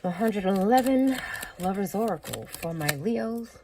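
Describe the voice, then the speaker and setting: Against a noisy background, a woman with an expressive mid-range voice gives a tarot reading at a measured pace. Her style is casual and blunt: plenty of swearing, laughter tucked into asides, and emphatic repetition. A mild head cold has her sniffling.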